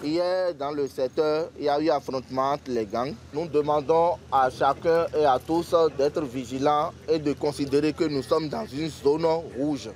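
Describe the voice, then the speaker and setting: A police officer giving a formal, firm operational briefing. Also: male voice, on the high side, steady tone, measured pace, hardly any pauses, darkish tone.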